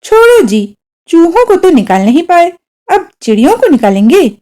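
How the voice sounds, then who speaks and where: A woman's voice: sits high, sing-song, normal speed, mellow. A woman voicing a middle-aged mother who teases her husband with sarcastic, amused remarks. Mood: mocking. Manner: sarcastic, mocking.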